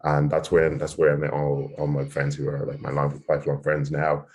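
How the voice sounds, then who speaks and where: A man's voice: a bass voice, completely flat delivery, brisk, darkish tone. A young man, a panelist talking casually and hesitantly with lots of "like" on a video call. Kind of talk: casual conversation.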